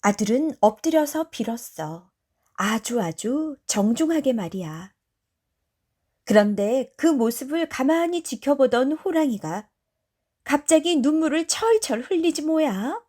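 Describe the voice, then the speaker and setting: A woman telling a bedtime folktale in a gentle, soothing ASMR narration. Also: sits high, big pitch swings, unhurried. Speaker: storyteller. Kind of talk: soft ASMR bedtime storytelling.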